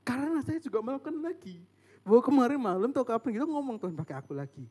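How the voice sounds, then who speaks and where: High-voiced young man preaching casually. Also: fast talker, husky. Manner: animated, joking with the audience, mimics family voices. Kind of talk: casual sermon storytelling. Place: church service room.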